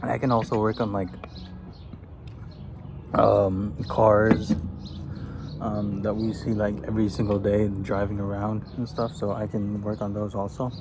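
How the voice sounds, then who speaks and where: This Afghan vlogger in his twenties speaks in a fairly low, flat voice, unhurried and pausing often, as he eats outside and answers get-to-know-me questions. His manner is easygoing and his answers ramble loosely. Birds and other outdoor noise sit behind him.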